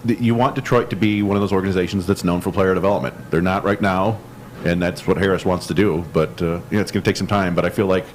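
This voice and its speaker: A man co-hosting a sports podcast, laying out his points in a steady, explanatory way. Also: sits low, fast talker, slight background noise. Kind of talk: casual sports chat.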